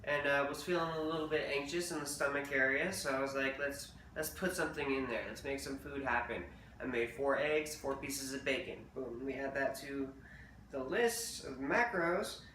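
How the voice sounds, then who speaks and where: Man, casual diet vlogger, rambling and chatty, bright edge, roomy distant sound with faint ambience. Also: mid-range voice, normal speed, a little hiss or hum. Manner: rambling, chatty, fillers and restarts. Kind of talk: casual diet update vlog.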